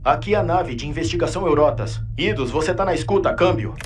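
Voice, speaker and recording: A man voicing a spaceship crew member making a brisk radio call. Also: a little high, animated. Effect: calling over a radio. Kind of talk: video game voice acting. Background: loud music.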